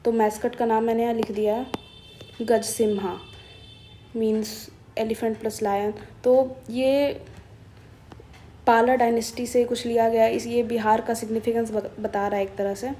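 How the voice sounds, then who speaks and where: Mellow, higher-voiced woman explaining news. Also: level tone, normal speed, a little hiss or hum. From India. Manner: chatty and explanatory, mixing in English phrases; thinks aloud with hesitations and self-corrections. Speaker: current-affairs teacher. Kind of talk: explaining a newspaper for exam students.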